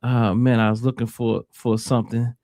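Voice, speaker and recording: A man hosting a casual online chat show, talking in a playful way with many halting restarts and repeated words. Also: medium pitch, little pitch movement, a little mellow, no echo, studio quality. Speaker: host.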